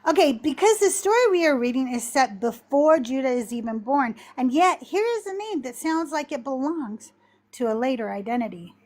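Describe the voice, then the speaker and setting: A woman hosting a live-streamed talk, explaining scripture in a measured, reflective way, a little short of breath. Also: high voice, expressive, darkish tone. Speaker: podcast host teaching on scripture.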